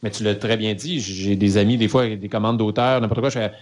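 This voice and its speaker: A man's voice: on the low side, fast talker. A middle-aged man with a Québécois accent, a comedian chatting candidly as a podcast guest and poking fun at himself. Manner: candid, self-mocking, lively retelling. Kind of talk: casual podcast conversation.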